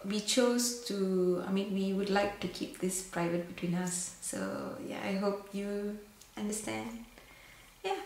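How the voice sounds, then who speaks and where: A young Singaporean makeup vlogger chats to camera in a casual vlog, full of fillers and restarts. Her mid-range voice has vocal fry, and the very echoey room carries a faint background hiss.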